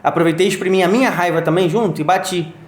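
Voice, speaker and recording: A man's voice: high-pitched, fast. A father telling a story in a casual conversation. He acts out sounds and quotes as he goes. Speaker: guest, father. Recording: roomy echo.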